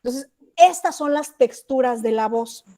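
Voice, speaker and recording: A woman's voice: high-pitched, unhurried, warm tone. A woman teacher with a Mexican accent giving an online class on a video call, chatty and often checking that the students are following. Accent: Mexican Spanish. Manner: chatty, asks checking questions.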